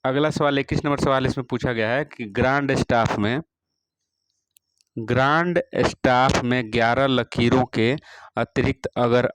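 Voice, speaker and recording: A man teaching music, reading out practice exam questions and their answers one by one, repeating each question and adding a steady "all right" after each answer. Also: mid-range voice, smooth, no room sound, low-quality recording. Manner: repeats each question, fills with "theek hai ji".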